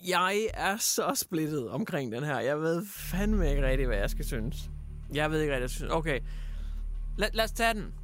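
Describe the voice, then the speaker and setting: A man hosting a casual radio show, telling stories in an animated way and acting out quotes with lots of fillers. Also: fairly high pitch, over music. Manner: animated storyteller, acts out quotes, many fillers. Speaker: radio host. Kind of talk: casual chat, retelling news stories.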